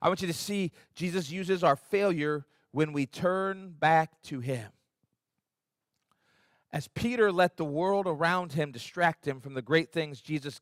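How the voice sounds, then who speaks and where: This pastor speaks in a fairly high voice, giving a heartfelt, conversational sermon in a church sanctuary. He performs the quotes energetically, and the audio sounds close and dry with barely any reverb.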